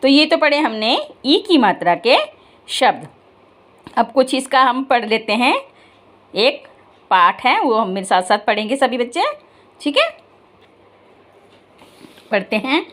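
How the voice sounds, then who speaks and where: A woman's voice: fairly high pitch, big pitch swings, unhurried, long pauses, fairly bright tone. A woman teaching young children in a classroom lesson, speaking to them directly and reading aloud word by word. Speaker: primary school Hindi teacher.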